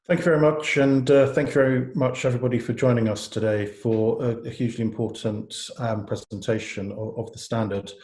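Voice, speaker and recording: A man's voice: medium pitch, steady tone, a little mellow. Man on a choppy video call. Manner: measured, halting with fillers. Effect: on a video call, audio breaking up. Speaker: panel speaker for investors. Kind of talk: formal prepared remarks. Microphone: computer mic on a video call. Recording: echoey room over a video call.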